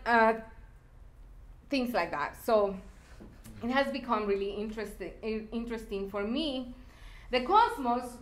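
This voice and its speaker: A woman from El Salvador gives a public talk about her art installations in a lecture hall, speaking reflectively with fillers and restarts. Her voice is fairly high and a bit bright, and the hall sounds echoey.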